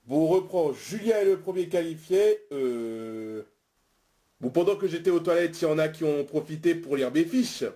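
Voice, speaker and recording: High-voiced man hosting a game show. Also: a little fast, few pauses, mellow.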